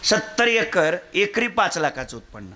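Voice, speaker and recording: A man's voice: sits high, very animated, moderate pace, sharp tone. A man preaching a devotional kirtan sermon, telling a story and quizzing his audience.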